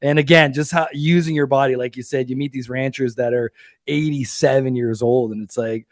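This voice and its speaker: A man in his late thirties co-hosting a podcast, talking in an energetic, slangy, enthusiastic way. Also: medium pitch, brisk, no echo, studio quality. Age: 30s. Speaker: podcast co-host. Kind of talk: casual chat.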